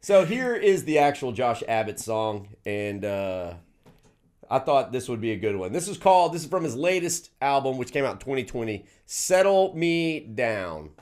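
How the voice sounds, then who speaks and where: A man's voice: medium pitch, moderate pace. A man, co-hosting a casual podcast chat and laughing often. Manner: animated, laughs often, drawls. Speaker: podcast co-host.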